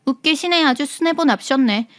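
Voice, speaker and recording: A woman's voice: high-pitched, expressive, brisk, fairly bright tone, no echo, voice pushed up. A woman voicing a brash, bitter young woman friend who talks in a snappy, sneering way. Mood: mocking.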